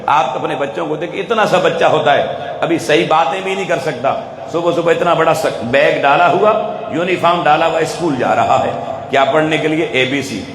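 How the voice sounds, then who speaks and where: A religious speaker with a Pakistani Urdu accent preaches to an audience in an event hall, challenging them with rhetorical questions. His voice is a little high, and the echoey recording carries faint ambience plus a bit of hiss or hum.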